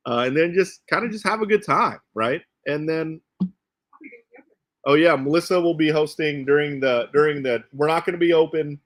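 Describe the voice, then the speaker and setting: The RC car channel host speaks at a normal speed in a fairly high-pitched voice during a relaxed livestream. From inside a cluttered warehouse, he rambles to viewers and often rephrases himself.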